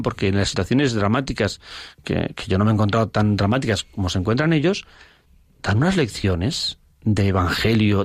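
Earnest priest, low voice. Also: male voice, dry recording, clean studio sound. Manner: earnest, pauses often, acts out dialogue with rising voice. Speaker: parish priest. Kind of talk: reflective storytelling in an interview.

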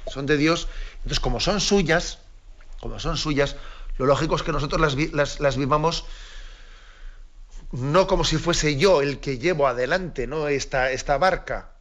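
A man's voice: fairly high pitch, a little slow, a bit bright. A priest preaching an earnest sermon to fellow priests, repeating his key phrases and asking rhetorical questions. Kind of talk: reflective sermon to clergy. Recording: dull lo-fi sound.

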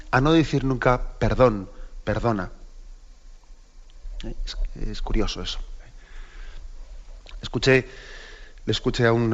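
A bishop with a Spain Spanish accent teaches the catechism in a relaxed, conversational way, often turning to his listeners with quick tag questions. His voice sits at an ordinary male pitch. The recording is a little dull and lo-fi. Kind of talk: catechesis talk.

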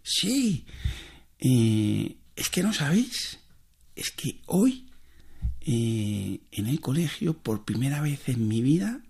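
A man doing an excited little boy, gravelly. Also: mid-range voice, slow pace, full character voice.

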